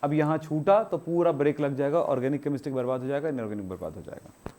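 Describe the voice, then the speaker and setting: A man's voice: fairly high pitch, fast, mellow, slight background noise. A man teaching a chemistry class, asking his students questions and answering them himself, strict about homework. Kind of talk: classroom lecture.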